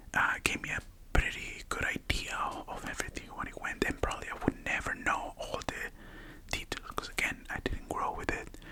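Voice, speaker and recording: Whispered role-play, hushed library whisper. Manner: halting, soft-spoken explaining with self-corrections. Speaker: ASMR performer playing a librarian.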